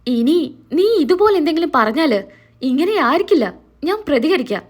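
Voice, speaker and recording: A stern, scolding middle-aged husband from a retold TV serial drama, read out by a woman narrator. The delivery is indignant and sharp-edged. The voice sits high and moves a lot. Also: very animated, normal speed.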